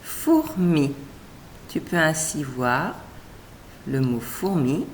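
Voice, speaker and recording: A woman's voice: low voice, big pitch swings, extremely slow, slight background noise. A woman teacher reading out a scripted reading lesson for young children, splitting words into careful syllables and encouraging the child.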